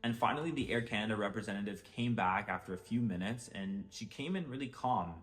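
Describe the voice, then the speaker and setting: A young man with a somewhat low voice narrates a vacation mishap for his channel. He talks in a relaxed, conversational way, often leaning on filler words like "like" and "basically.". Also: fairly quick. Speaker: storyteller. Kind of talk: casual storytime narration.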